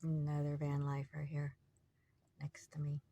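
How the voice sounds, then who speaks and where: Soft-spoken woman vlogging from her van. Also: deep voice, completely flat delivery, measured pace, no echo. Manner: soft-spoken, thinking aloud. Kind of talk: casual vlog narration. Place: van and beach.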